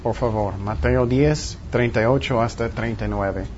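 A man's voice: mid-range voice, moderate pace, a little mellow. A man leading an interactive Bible study, teaching in a teacherly way and putting questions to his group. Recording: muffled room recording with faint noise.

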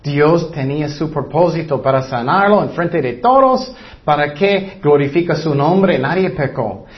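A man's voice: on the high side, animated, unhurried. A man preaching a sermon, earnest and teaching, with light self-deprecating humor. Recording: dull lo-fi recording.

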